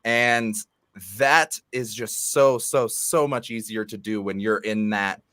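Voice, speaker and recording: A man talking as a guest in a casual interview over a video call, relaxed and rambling with fillers and restarts. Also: lowish voice, slow pace, no echo. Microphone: remote video call.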